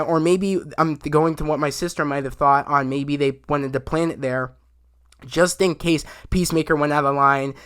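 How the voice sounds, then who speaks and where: A man's voice: medium pitch, a bit bright. A young man giving a casual, rambling recap of a TV episode, full of restarts and fillers. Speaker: YouTube show reviewer.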